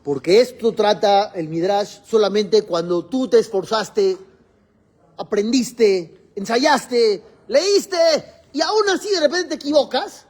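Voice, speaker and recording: A man's voice: high-pitched, slow pace, darkish tone. A man, a rabbi teaching a religious class in a classroom, explaining step by step and quizzing his students.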